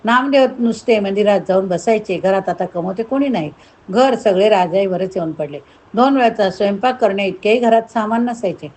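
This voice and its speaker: A woman's voice: mid-range voice, normal speed, a little mellow, a little hiss or hum. A woman narrating a devotional story in a rhythmic, emphatic way, with rhyming lists.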